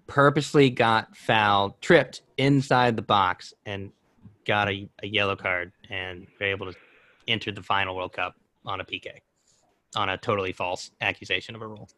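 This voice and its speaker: A man's voice: on the low side, fairly even intonation, normal speed, sharp tone, dry recording. A man in his twenties co-hosting a podcast, rambling through a story and laughing at himself. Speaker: podcast co-host. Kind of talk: casual chat.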